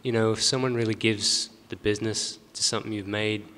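A man's voice: on the low side, fairly even intonation, a little fast, a bit bright. A man in a theater audience politely asking a question, a little hesitant. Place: large theater. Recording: long theater reverb.

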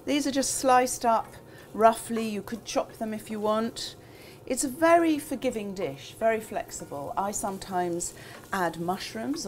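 An older woman with a relaxed, chatty manner, talking through a recipe in a small kitchen. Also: mid-range voice, a little hiss or hum. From England. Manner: chatty, relaxed asides with frequent ums. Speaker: cookbook author demonstrating a recipe. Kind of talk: casual cooking demonstration. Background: food sizzling in a pan.

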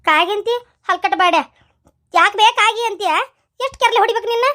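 A woman's voice: very high-pitched, fairly quick, sharp tone. A woman voicing a self-pitying old village woman in a cartoon, scolding and complaining with a North Karnataka accent. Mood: grumbling. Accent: North Karnataka Kannada.

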